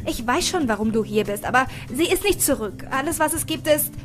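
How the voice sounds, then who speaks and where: A woman's voice: sits high, expressive, fairly quick, over music. A woman doing a dry, grumpy shop woman. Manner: dry and grumbling. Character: grumpy, dry café woman, sensible and curt.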